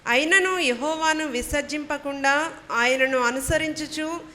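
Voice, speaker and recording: A woman reading scripture verses aloud slowly and carefully during a church service. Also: high voice, pushed and bright, a little hiss or hum. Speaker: scripture reader.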